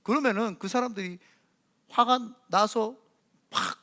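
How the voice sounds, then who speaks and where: This is a middle-aged Korean senior pastor giving a sermon, with a high voice, a slightly fast pace and some vocal fry. He tells lively stories and acts out the voices inside the quotes.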